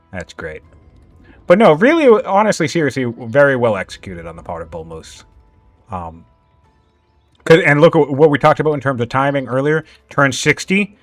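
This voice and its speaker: A man calls a strategy game tournament in a loose, conversational commentary style. He jokes, laughs at his own remarks and slips into playful sarcasm. His voice sits at an ordinary middle pitch and comes through a close, dry mic with no room around it. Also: no echo. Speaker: tournament caster.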